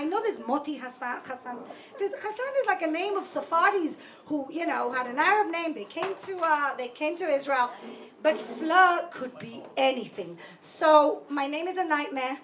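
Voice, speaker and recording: High-voiced woman joking through a live talk. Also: slight background noise. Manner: animated, self-deprecating, joking. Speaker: speaker at a live storytelling night. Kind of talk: humorous personal talk to an audience. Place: live event venue with an audience. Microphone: handheld microphone.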